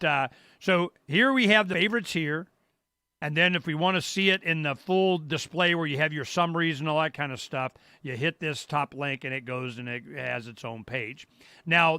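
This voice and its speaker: A middle-aged man hosting his own show, walking viewers through a website in a loose, rambling way and exclaiming "boom" often. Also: sharp tone, no room sound. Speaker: radio show host. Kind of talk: casual live-stream walkthrough. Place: home studio.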